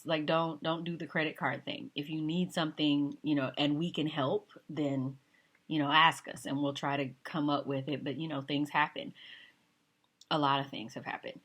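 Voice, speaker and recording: A woman's voice: low voice, fairly bright tone. A woman in her thirties, an opera singer talking casually to camera in a self-mocking way. She laughs often and drops into whispered asides.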